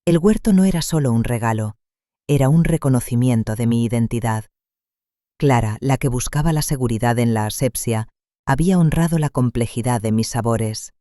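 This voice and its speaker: Reading a first-person tale aloud, a man narrates with a mellow, dark, mid-range voice and a calm, reflective, measured manner. His storytelling stays steady and unhurried. There's no echo or room sound; the recording is dry.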